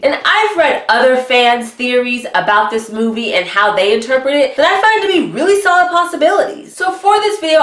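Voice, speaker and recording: A woman's voice: high-pitched, a bit bright, reverberant. A young woman hosting her channel, chatty and bubbly, sounding stuffy and nasal from a cold. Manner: bubbly, chatty, laughs often. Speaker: channel host. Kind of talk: casual vlog commentary.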